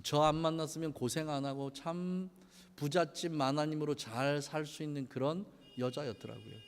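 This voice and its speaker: A man preaching a sermon as pastor, animated and asking the congregation rhetorical questions, in a church sanctuary. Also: on the high side, gravelly. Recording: long church hall reverb.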